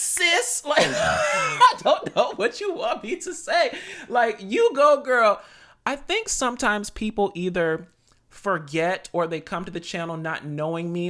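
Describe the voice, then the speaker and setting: A man in his thirties with a naturally high voice, hosting his own casual podcast in an animated, sassy way. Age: 30s. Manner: animated, sassy, with playful exclamations. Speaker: podcast host.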